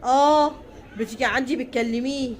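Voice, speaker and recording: An Egyptian woman voicing a scheming mother who accuses her own daughter, shrill and insistent. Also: fairly even intonation, moderate pace, a little hiss or hum, close to an everyday voice. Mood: accusing.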